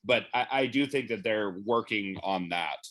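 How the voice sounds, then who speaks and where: A man's voice: on the low side, moderate pace, a bit bright. A man in his late twenties, a podcast guest, talking bluntly and swearing freely in a casual chat. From Canada. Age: 20s.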